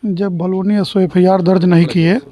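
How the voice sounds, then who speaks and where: High-pitched older family elder, factual. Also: male voice, level tone, warm tone, no room sound. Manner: measured, factual. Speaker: senior family member. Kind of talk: interview answers.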